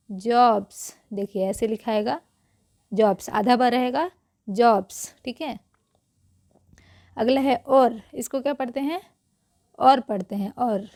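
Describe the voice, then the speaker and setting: A woman's voice: fairly high pitch, slow pace, pauses often, darkish tone, no echo, studio quality. A woman teaching English reading in Hindi, patiently repeating each word and quizzing the viewer.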